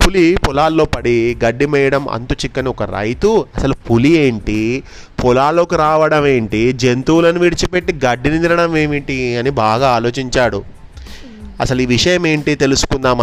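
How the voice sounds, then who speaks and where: After a slow, deliberate reading of a fable, a medium-pitched man turns to a child and explains what the story teaches.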